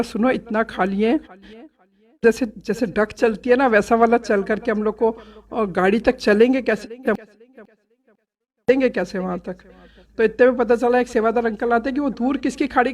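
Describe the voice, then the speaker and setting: A middle-aged woman telling a devotional story from a satsang visit, animated and laughing, acting out many quoted exchanges. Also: on the high side. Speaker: devotee sharing a satsang experience. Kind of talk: storytelling testimony.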